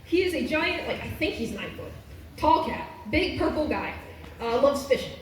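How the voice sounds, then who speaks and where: A woman's voice: sits high, expressive, normal speed, slight background noise. A young woman, a college student, chatting and giggling on stage as she shows off her voices, heard in an echoey hall from far off. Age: young adult. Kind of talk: live on-stage voice act.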